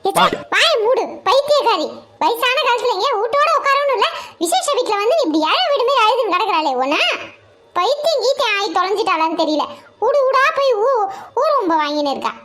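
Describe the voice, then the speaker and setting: A piercing, very high voice that swoops up and down, a brash young village wife from the countryside. She scolds and mocks with a laugh in her words, and a faint hiss sits under the voice. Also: sing-song, a little fast, pushed and bright, heavily acted. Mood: scornful. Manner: scolding, mocking, laughing through lines. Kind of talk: comedy skit acting.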